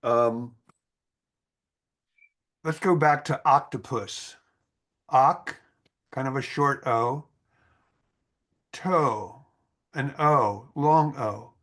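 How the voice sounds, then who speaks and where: A man's voice: mid-range voice, takes it slowly, pauses often, fairly bright tone. A man teaching an online English class, patiently explaining vowel sounds and pronunciation rules over a video call.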